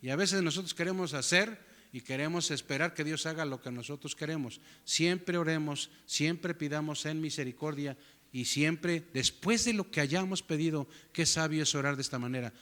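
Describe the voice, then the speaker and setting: A man's voice: on the high side, moderate pace, fairly bright tone, big-room sound. A male pastor giving a sermon in a church, often asking the congregation rhetorical questions to keep them following. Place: church sanctuary.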